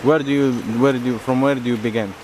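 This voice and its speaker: A man interviewing an athlete, asking questions haltingly with many fillers. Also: mid-range voice, fairly even intonation, background noise. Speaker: reporter, interviewer.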